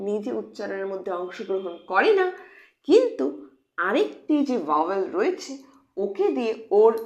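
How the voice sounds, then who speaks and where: Woman doing a kids phonics lesson, pitch jumps all over, fairly high voice, keeps asking the kids questions. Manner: animated, questioning teacher voice addressing kids. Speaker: English phonics teacher. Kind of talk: children's lesson.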